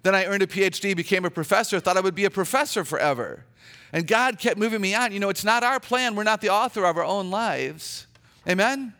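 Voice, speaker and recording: In a church, a middle-aged woman with a naturally low voice delivers a sermon as a guest speaker, weaving in personal stories in a chatty, humorous, earnest manner. Her intonation is lively, her pace brisk, and her tone fairly bright.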